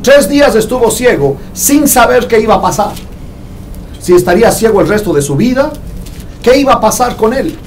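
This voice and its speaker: A man's voice: sits high, lively intonation, normal speed, far from the mic, slight background noise. A man preaching a sermon to a congregation in a conversational way, joking with them as he goes. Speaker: pastor. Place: church hall.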